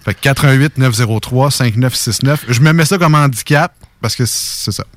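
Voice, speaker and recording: A man with a Québécois accent co-hosting a radio show, jokey and quick to laugh. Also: mid-range voice, no echo. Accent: Québécois French. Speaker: radio co-host. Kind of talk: casual radio chat.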